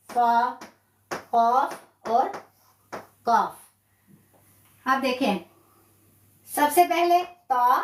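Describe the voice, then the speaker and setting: A woman with a high voice teaches a live online Quran recitation lesson, going through the rules patiently and drilling each letter. She speaks at an unhurried pace. Her voice sounds distant and echoey, as if she sits back from the mic in a bare room. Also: fairly bright tone. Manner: patient, explains step by step, drills letters slowly. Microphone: live stream.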